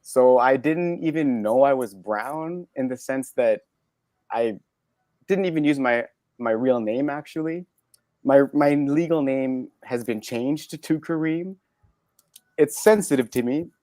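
A podcast guest with a Canadian accent tells personal stories candidly in conversation, halting and correcting himself in an animated way. His voice is mid-range, and the recording is dry and studio quality.

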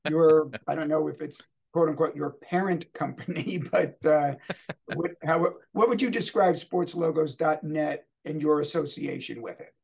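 A middle-aged man with a New York accent hosts a quiz segment in casual podcast chat, talking in a deliberate, discursive way. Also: on the high side, creaky, a little mellow, slightly rough.

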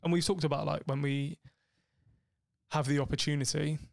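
Male co-host, cheeky and sweary, slightly higher voice with gravel, dry recording. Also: level tone, moderate pace, no echo. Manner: cheeky, joking, swears freely. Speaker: podcast co-host. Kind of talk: casual chat.

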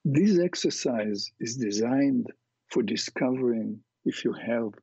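Slow, gravelly man guiding visualization. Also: medium pitch, warm tone, no room sound. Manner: slow, deliberate, pausing between short phrases. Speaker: guided imagery teacher. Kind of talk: guided visualization exercises with explanations. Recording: dull, muffled lo-fi sound.

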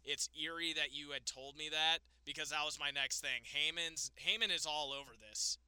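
A man with a sharp, bright voice and smooth, clear tone talks excitably about the latest wrestling show. He says "like" often and swears casually. The sound is close and dry, with no room around it. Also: fairly high pitch, normal speed, no echo. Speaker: podcast co-host. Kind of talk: casual wrestling review chat.

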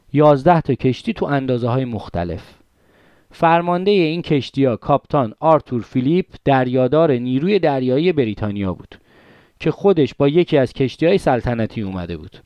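A man's voice: medium pitch, a little mellow, clear, resonant tone, no echo, muffled recording. A man hosting a podcast, narrating a history story in a dramatic, conversational way, with asides to his listeners. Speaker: podcast host.

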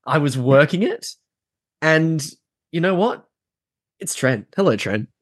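A man's voice: on the high side, sing-song, measured pace, dry recording, clean studio sound. A man hosting a podcast in casual, joking banter with a wry, playful manner. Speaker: podcast host.

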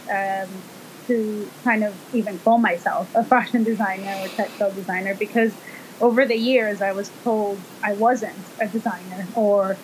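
Thoughtful Salvadoran-born woman, faint rumble. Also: rough recording. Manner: thoughtful, hesitant, many fillers. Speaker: fashion and textile designer, guest. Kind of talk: casual interview talk.

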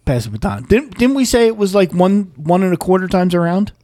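A man's voice: sits high, lively intonation, mellow, no room sound. A man hosting a casual podcast chat, teasing his friends and firing off questions. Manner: joking, teasing, quick questions.

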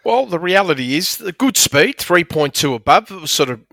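Bright-voiced Australian male racing analyst. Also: high voice, big pitch swings, normal speed, gravelly, dry recording. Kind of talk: conversational sports analysis.

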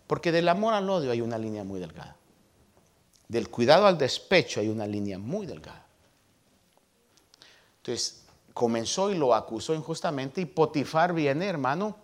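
Folksy joking preacher, lively pitch. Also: male voice. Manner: folksy and humorous, with frequent tag questions; slips English words into his Spanish. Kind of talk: sermon retelling a scripture story.

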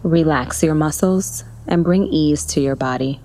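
In a low voice, a woman leads listeners through a guided body-relaxation meditation, offering gentle, calming instructions with long silences between them.

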